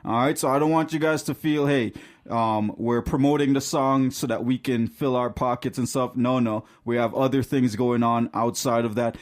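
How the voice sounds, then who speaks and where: A man's voice: medium pitch, fairly even intonation, moderate pace. A young man from Trinidad co-hosting a casual podcast, upbeat and rambling, laughing often. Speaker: podcast co-host.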